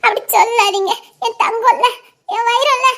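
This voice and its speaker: A woman's voice: very high-pitched, steady tone, moderate pace, bright, forceful tone. A woman playing a chatty, teasing wife in a colloquial family drama.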